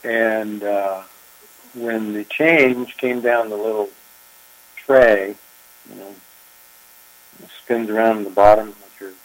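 An older man, a former park chief ranger, telling his story in an interview, unhurried and reflective with frequent pauses. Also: fairly low pitch, steady tone, rough recording. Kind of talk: oral history interview.

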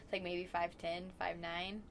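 A woman's voice: on the low side, flat delivery, moderate pace, creaky, crowd noise. A young woman, a kayaker, answering interview questions in a casual, chatty way with many fillers.

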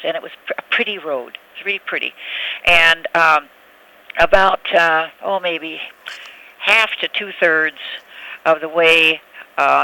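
Elderly female interviewee on the phone, bright but gravelly low-set voice, halting reminiscences. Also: rough recording. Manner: halting, reminiscing, searching for words. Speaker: oral history interviewee. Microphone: telephone. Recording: telephone interview recording.

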